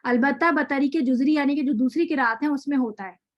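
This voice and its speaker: A woman's voice: high-pitched, dull audio. A woman teaching a recitation lesson in an online class, explaining rules and often checking whether her students understand. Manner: explanatory, asks students questions, slow drawn-out example words.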